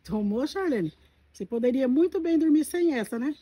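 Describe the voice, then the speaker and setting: A woman's voice: sits high, animated, moderate pace, slightly rough, dry recording. A woman with a Brazilian accent playing a kind mother who scolds her spoiled daughter in an amateur skit. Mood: scolding. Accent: Brazilian Portuguese. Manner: gentle but scolding, teasing. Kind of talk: amateur comedy skit acting.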